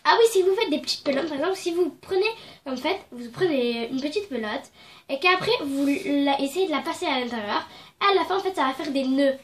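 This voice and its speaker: A young craft vlogger with a high voice and a cold gives a casual craft tutorial at home indoors, filmed on her phone camera. Her stuffy nose doesn't slow her down: she's brisk, with lively intonation, chatty, rambling and playful.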